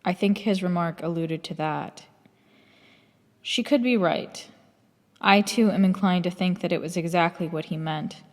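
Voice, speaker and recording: A woman reading a first-person memoir aloud in a measured, reflective way. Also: lowish voice, big-room sound. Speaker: audiobook narrator.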